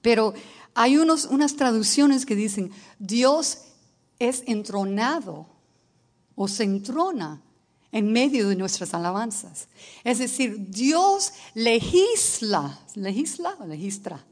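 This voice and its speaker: A woman's voice: a little high, very animated, slow. A woman preaching a sermon, telling stories and building to emphatic declarations, with English words mixed into her speech. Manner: storytelling, rising to emphatic declarations.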